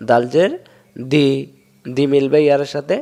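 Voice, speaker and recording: A man from Bangladesh, teaching Quran reading step by step and drawing out sounds slowly to show them. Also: mid-range voice, vocal fry, dark tone. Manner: explains step by step, drawls sounds slowly to demonstrate. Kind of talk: recitation lesson.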